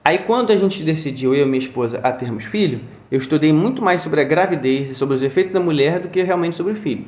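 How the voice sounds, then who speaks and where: A man's voice: fairly high pitch, lively intonation, fast, few pauses, darkish tone. A father telling a story in a casual conversation. He acts out sounds and quotes as he goes. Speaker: guest, father. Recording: roomy echo.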